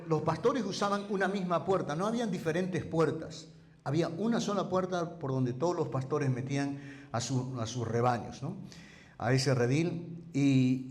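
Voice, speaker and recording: A male pastor delivers a conversational sermon in a church hall, often asking rhetorical questions so listeners will confirm his points. His mid-range voice has a darkish tone and sounds reverberant, and his manner is that of a voice teacher, careful about vocal timbre.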